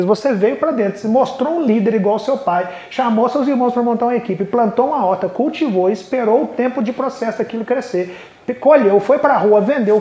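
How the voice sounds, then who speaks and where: A tender, earnest mother figure, put on by a man retelling a scene from his childhood. She explains things patiently but briskly, her voice lifted only slightly above his own. There is no real change of character. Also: a little high, mellow, echoey room, natural voice. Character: caring mother explaining to her young son.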